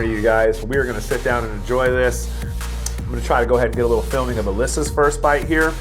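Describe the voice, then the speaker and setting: American chef guy vlogging in his little kitchen, hyped and showy, faint music under it. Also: medium pitch. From United States. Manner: enthusiastic, showman-like. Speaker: chef and vlog host. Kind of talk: casual cooking vlog. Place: small home kitchen.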